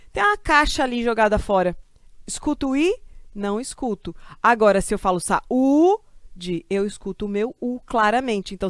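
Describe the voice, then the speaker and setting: A woman from Brazil teaching a grammar lesson for exam prep, lively and chatty, asking questions and answering them herself. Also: mid-range voice, no echo, studio quality.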